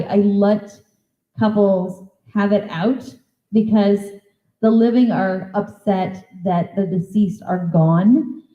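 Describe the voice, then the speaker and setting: A woman at a convention talk tells stories at a moderate pitch, acting out each conversation as she goes. The room is echoey and the sound is thin, like it is coming through a phone line. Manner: lively storyteller who acts out conversations. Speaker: psychic medium giving a talk. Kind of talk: anecdotal storytelling presentation.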